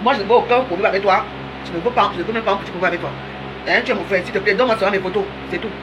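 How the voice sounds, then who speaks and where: A woman in her fifties rattles off a chatty, teasing live-stream rant at a brisk clip, calling out viewers by name. Her voice sits at an ordinary middle pitch. The audio is noisy, with a steady hiss underneath her words. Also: muffled recording. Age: 50s. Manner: chatty, rambling, teasing, addresses viewers directly. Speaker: social media live streamer.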